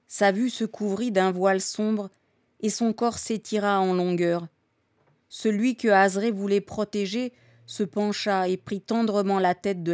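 A woman's voice: mid-range voice, dry recording. Woman reading a novel aloud, dry sound. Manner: steady, measured storytelling. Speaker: reader.

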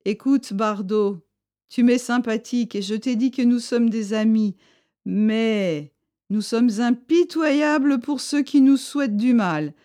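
Woman doing rebel leader man, stern, friendly, commanding, higher pitched, slow. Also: mellow, clean tone, natural voice. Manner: firm, commanding, raised voice.

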